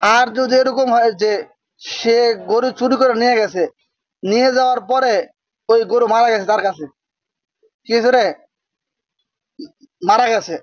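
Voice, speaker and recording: A man teaches a religious-school class. He keeps asking the students short questions, repeats their answers back, and slows down to dictate. The recording is dry and somewhat muffled. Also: very high voice, no room sound. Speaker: madrasa teacher. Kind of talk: classroom lecture with call-and-response questions.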